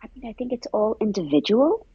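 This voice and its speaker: A woman with a husky, slightly breathy voice talks through her ideas on teaching in a relaxed interview. She circles back on her words and hedges with "I feel". The sound is dry and a little dull. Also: fairly high pitch, a little fast, no room sound. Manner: thoughtful, repeats words, frequent "I feel" and "um". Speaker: dance instructor trainer, interview guest. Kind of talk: conversational interview answers.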